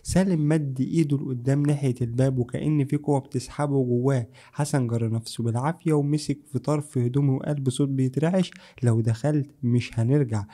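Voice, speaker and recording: A man's voice: medium pitch, steady tone, fast talker, warm tone. A man telling a first-person horror story as scripted, tense, suspenseful narration.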